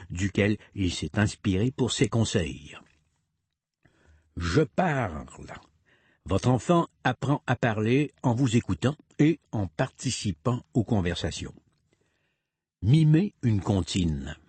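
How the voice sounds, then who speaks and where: Slow, lively husky man reading aloud. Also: lowish voice, no room sound. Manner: slow, lively reading with playful sung sound effects. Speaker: reader of a parents' literacy booklet. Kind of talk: slow read-aloud narration with sung rhyme.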